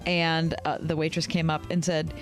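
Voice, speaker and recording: A woman's voice: deep voice, level tone, moderate pace, soft background music. A woman co-hosting a casual radio chat, giving opinions and exclaiming in reaction. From Pittsburgh area, USA. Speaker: radio co-host.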